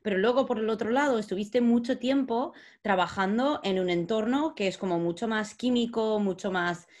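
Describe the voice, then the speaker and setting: A woman's voice: mid-range voice, normal speed, darkish tone. A woman hosting a casual podcast interview, chatty, with frequent fillers and restarts. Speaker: podcast host.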